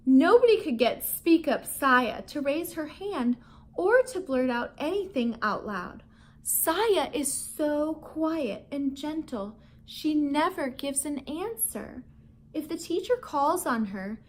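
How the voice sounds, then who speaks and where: Speaking slowly in a high voice with lively intonation, this woman teacher runs a playful vocabulary lesson and reads a storybook aloud to schoolchildren. She talks straight to her listeners, quizzes them, and laughs frequently.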